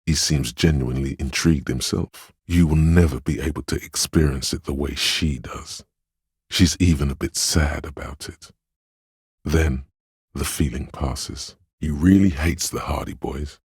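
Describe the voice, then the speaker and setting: A man voicing a calm, perceptive inner voice of empathy in a video game, narrating in a measured, hushed, gravelly and husky delivery. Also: extremely low pitch, no room sound, clean studio sound, heavily acted. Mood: compassionate, subdued. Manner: measured, hushed, knowing, deliberate. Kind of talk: scripted second-person game narration.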